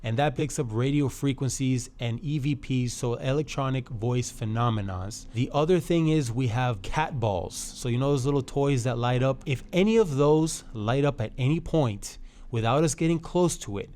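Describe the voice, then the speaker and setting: A man's voice: medium pitch, normal speed, darkish tone. A man co-hosting a paranormal investigation vlog, speaking in a casual, explanatory way. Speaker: vlog co-host. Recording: noisy ambient location sound.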